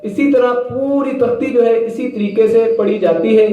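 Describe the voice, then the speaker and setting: A man teaching Quran reading, slowly spelling out syllables and chanting them in drawn-out tones between plain explanations. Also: very high-pitched, very echoey, narrow, tinny audio, faint music behind. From Pakistan. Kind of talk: slow spelled-out recitation lesson.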